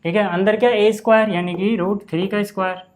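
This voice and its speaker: A man teaching a maths lesson in a relaxed, chatty way, often saying "okay" and calling his students "brother". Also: sits high, quick pace. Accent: Hindi. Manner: casual, repeats "ठीक है" and "भाई" often. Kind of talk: screen-recorded maths lesson.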